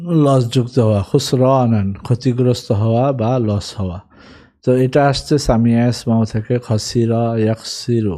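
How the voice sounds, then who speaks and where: Slow, mellow-voiced man teaching grammar. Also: mid-range voice. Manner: slow, patient drilling of word forms. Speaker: Arabic teacher. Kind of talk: recorded grammar lesson, reciting verb forms.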